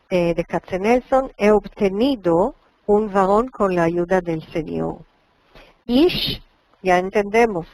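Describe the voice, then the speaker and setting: A woman with as her lectures on Bible studies at a slow, deliberate pace. She explains patiently and draws out words to model their pronunciation, stopping now and then with a hesitant "eh". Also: mid-range voice, darkish tone, poor audio. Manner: explanatory, slows to spell out pronunciations, frequent "eh" pauses. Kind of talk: lecture on Hebrew names.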